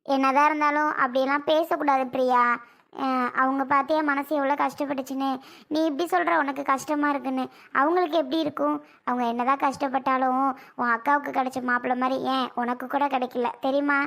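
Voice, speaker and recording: A woman's voice: high-pitched, flat delivery, fairly quick, gravelly, fairly bright tone. A woman voicing an older cartoon mother who lectures, pleads and laments in a scolding way. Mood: lecturing. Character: older mother, lecturing and grieving over her son. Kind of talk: cartoon voice acting.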